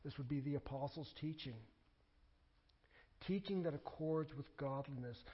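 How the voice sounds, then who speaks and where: A pastor preaching a sermon, moving between quiet scripture reading and loud emphatic declarations. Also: male voice, on the high side, measured pace, slightly rough, muffled recording.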